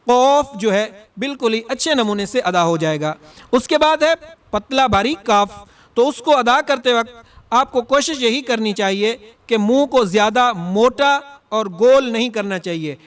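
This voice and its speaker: A man teaching Quran reading in a lesson, slow and deliberate, drawing out letter sounds to demonstrate them and firmly correcting common mistakes. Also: very high-pitched, a bit bright.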